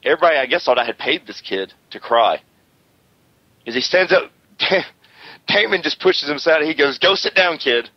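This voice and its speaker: Boastful male radio host, lively swooping delivery, dry slightly muffled studio mic. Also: on the high side, normal speed, long pauses, breathy edge, dry recording. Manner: animated, boastful, rambling storyteller. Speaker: radio show host, wrestler. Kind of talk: storytelling on wrestling radio. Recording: slightly dull radio audio.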